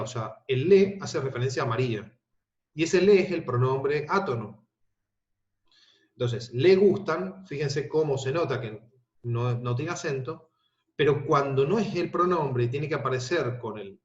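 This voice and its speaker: Man teaching grammar in an echoey room. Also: mid-range voice. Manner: explanatory, repeats and rephrases, frequent "¿no?" and "¿sí?" checks; halting restarts and fillers. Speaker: language and literature teacher. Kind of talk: recorded online grammar lesson. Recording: echoey room, dull lo-fi sound.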